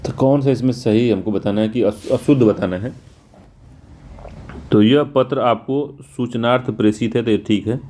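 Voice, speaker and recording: Man teaching slowly, dark voice. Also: medium pitch, slight background noise. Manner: spells words slowly and repeats them; informal, repeats "theek hai" often. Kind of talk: exam-prep lesson, going through test answers.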